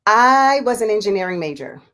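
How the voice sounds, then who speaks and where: A woman in her forties from Liberia, a physician telling her life story as a guest in a relaxed interview, chatty and quick to laugh. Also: mid-range voice. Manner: chatty, laughs often, many fillers.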